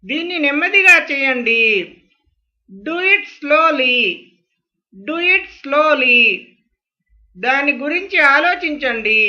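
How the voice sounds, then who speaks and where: A woman reads short practice phrases as a language teacher, carefully saying each English line twice. Her voice is high and very sharp and bright. The recording sounds dull and lo-fi. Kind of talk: reading phrase drills.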